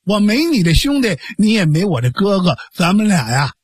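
A man's voice: high voice, sing-song, slightly rough, no room sound, full character voice. A man voicing a righteous young man who scolds and coaxes his foolish sworn brother firmly. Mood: stern. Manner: scolding, firm, measured.

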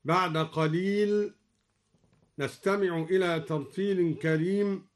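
A man with an Egyptian accent, a Quran scholar on live radio, explaining reading variants and chanting each verse slowly and melodically. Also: on the high side. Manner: alternates plain explanation with slow melodic recitation. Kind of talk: explanatory talk with slow chanted Quran examples. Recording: live radio broadcast recording.

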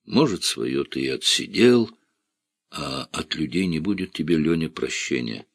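A weary, reproachful village woman from a spoken storybook, read by a man. The voice stays low and plain with a weary, scolding edge. It is heard dry and close to the mic. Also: lively intonation, a little slow, vocal fry, slightly rough, no room sound, full character voice. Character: stern village woman, middle-aged, bitter and reproachful.

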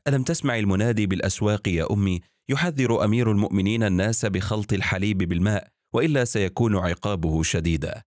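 A man's voice: deep voice, fast, a little mellow, no echo, studio quality, natural voice. A man voicing a devout, principled young girl who speaks with earnest pleading in formal classical phrasing. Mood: surprised.

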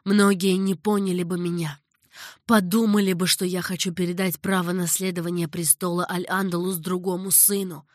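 A woman's voice: fairly low pitch, level tone, normal speed, no room sound, clean studio sound, lightly acted. A woman voicing an older male caliph who speaks earnestly, patiently and with sorrow. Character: older male caliph, grave and tender ruler.

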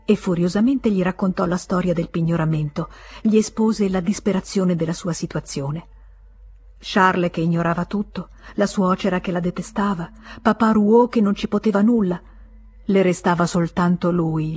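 A woman reading a novel aloud as an audiobook, in a measured, expressive storytelling manner. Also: medium pitch, husky. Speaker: audiobook reader. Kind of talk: scripted literary narration.

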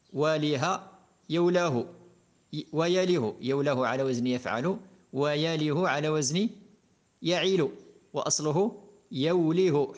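Methodical man teaching Arabic grammar. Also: on the high side. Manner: methodical, reciting verb conjugations in steady patterns. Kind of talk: classroom lesson explaining a grammar poem.

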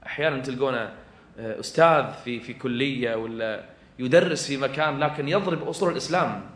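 A man preaching with a Kuwaiti accent, moving from quiet asides to loud, fervent exhortation. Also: fairly high pitch. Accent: Kuwaiti Arabic. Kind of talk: religious lecture to an audience. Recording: echoey room.

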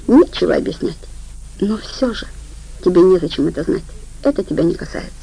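Scheming, curt young woman, read by a woman narrator; gravelly low-lit tone. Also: lively intonation, brisk, warm tone, full character voice, poor audio. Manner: harsh, bossy, curt.

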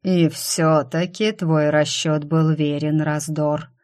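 A woman voicing a calm, cold male Death who speaks unhurriedly. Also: sits low, takes it slowly.

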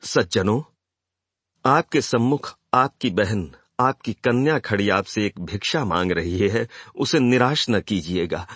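A man voicing a young woman who pleads gently and tremblingly before an angry crowd in an audiobook. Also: fairly low pitch, expressive, takes it slowly, slightly rough, no room sound, full character voice. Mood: pleading.

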